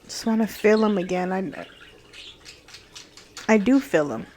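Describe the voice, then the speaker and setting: Earnest woman vlogger, soft and heartfelt. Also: mid-range voice, a little slow, a little hiss or hum. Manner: earnest, heartfelt, softly reflective with bursts of laughter. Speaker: vlogger sharing a faith journey. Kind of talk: personal vlog talk.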